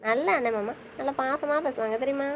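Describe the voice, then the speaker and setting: A woman's voice: high voice, fairly even intonation, brisk, slight background noise, close to an everyday voice. A woman playing a young wife who pleads and apologizes, in an audio drama recorded on a dull lo-fi track. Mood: pleading.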